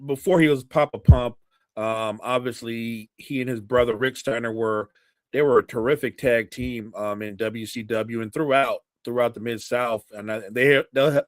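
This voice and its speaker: Man, podcast co-host, casual chat, halting with restarts, dry close sound, mid-pitched voice. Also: no room sound. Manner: halting, many restarts and fillers. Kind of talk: casual chat about wrestling.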